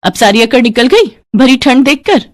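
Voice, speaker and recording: A woman's voice: high-pitched, sing-song, moderate pace, voice pushed up. Cruel, threatening stepmother for a cartoon story, voiced by a woman, harsh and mocking. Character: cruel, scolding stepmother in a village. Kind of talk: animated storybook voice acting.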